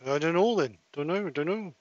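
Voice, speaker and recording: A man's voice: a little high, expressive, moderate pace, no echo, muffled recording. A man with a Norfolk accent on a headset mic, muttering as the noise suppression chops his voice in and out. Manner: muttering, puzzled over the sound settings. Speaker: woodturning demonstrator. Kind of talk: live-streamed demonstration.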